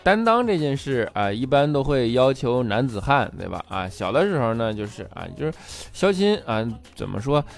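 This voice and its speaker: A man telling comic stories as a host, jokey and lively, acting out quoted people in raised voices. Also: mid-range voice, moderate pace, creaky, hardly any pauses, music in the background. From Northeast China. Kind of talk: comic storytelling monologue.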